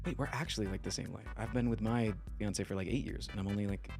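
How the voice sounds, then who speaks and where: A man's voice: fairly low pitch, quick pace, over music. A man in his twenties from Virginia, hosting a live stream and bantering with a guest in a teasing, joking way. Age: 20s. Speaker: streamer host. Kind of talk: casual live-stream chat.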